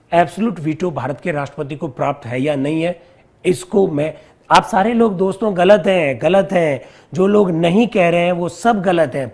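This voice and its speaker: A man's voice: a little high, vocal fry, a little mellow, husky. A man teaching a live online civics lesson, explaining step by step, repeating key terms and quizzing his viewers.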